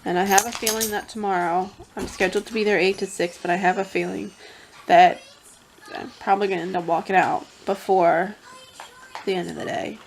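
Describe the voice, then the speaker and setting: A woman's voice: mid-range voice, steady tone, fairly quick, vocal fry, a little hiss or hum. A young woman telling a vlog audience about a stressful day at work, emotional and rambling, close to tears. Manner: emotional, tearful, rambling with restarts. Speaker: vlogger. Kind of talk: casual confessional vlog.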